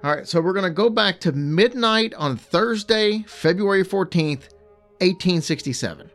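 A man's voice: high-pitched, lively intonation, moderate pace, fairly bright tone, soft background music. A man co-hosting a podcast, casually telling a ghost story with chatty, joking asides. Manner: chatty, laid-back, jokey asides.

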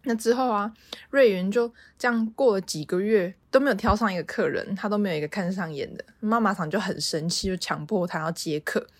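A woman's voice: medium pitch, fairly quick, no echo. A woman with a Taiwanese Mandarin accent hosting a podcast, casually retelling a story in a chatty way with many filler particles. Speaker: podcast host.

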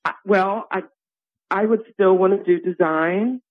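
A middle-aged woman calling in to a radio advice show over the phone, speaking hesitantly with many pauses and ums. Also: medium pitch. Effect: heard over a phone line on a radio show. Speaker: caller to a call-in advice show. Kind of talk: phone-in call. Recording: tinny phone line.

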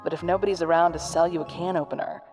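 A woman narrates a scripted podcast sketch in a wry, storybook-like way. Her voice sits a little low, and clear music plays beneath it. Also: steady tone, quick pace, darkish tone. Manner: wry, storybook-style telling.

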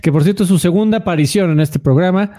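A man's voice: high-pitched, fast talker, noisy background. A man with a Mexican accent co-hosting a podcast in casual, hesitant, joking chat. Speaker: podcast co-host.

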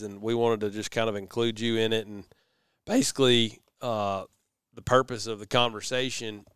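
A man's voice: mid-range voice, fairly bright tone, clean tone, no room sound. A man hosting a podcast in a casual, conversational style, talking in a folksy, rambling way. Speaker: podcast host. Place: warehouse.

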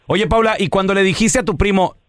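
A man hosting a lively call-in radio show, playfully teasing and drawing out his questions. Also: high-pitched, a little fast, no room sound. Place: radio studio, dry close sound.

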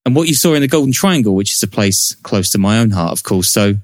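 A man's voice: lowish voice, expressive, fast talker, no room sound, studio quality. A man hosting a podcast, moving between scripted narration and introductions. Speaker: podcast host, journalist.

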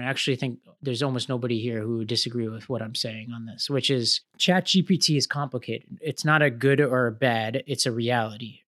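A man's voice: medium pitch, a bit bright. A man co-hosting a podcast, talking casually and with energy, explaining ideas through stories with many fillers. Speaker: podcast co-host.

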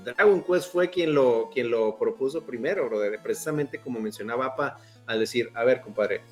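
A man, a podcast co-host, giving a relaxed, slangy wrap-up of a game. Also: medium pitch, normal speed, faint music behind. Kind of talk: casual podcast chat.

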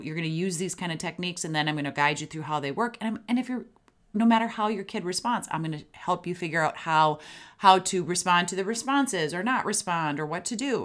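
A middle-aged woman hosting a solo parenting podcast, talking in a chatty, lively way and acting out sample lines to say to kids. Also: lowish voice. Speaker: podcast host and parenting coach. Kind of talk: solo podcast advice talk.

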